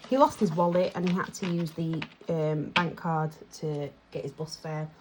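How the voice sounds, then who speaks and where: British woman rambling on while counting her cash, bit low voiced, noise behind her. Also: fairly even intonation, normal speed. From United Kingdom. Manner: chatty, rambling, self-laughing. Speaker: vlogger.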